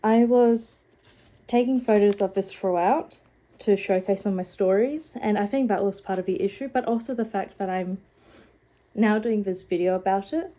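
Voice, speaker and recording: A young woman with a cold chats casually into a phone at home, rambling about her sketchbook in a mid-range, dark-toned voice at normal speed. Nasal, sniffling and a bit out of breath, this art vlogger leans on "like" a lot and pokes fun at herself.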